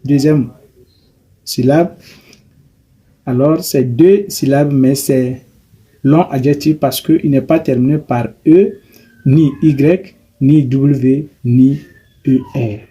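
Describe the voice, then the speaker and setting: A man teaching a grammar lesson, slowly and haltingly, repeating himself and correcting his as he goes. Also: mid-range voice, steady tone, mellow, husky. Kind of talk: grammar lesson explaining English adjectives.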